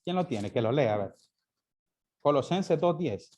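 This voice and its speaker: A man's voice: a little high, lively intonation, measured pace, a little mellow. A man teaching a Sunday school class, often asking his listeners questions and answering them himself. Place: church classroom.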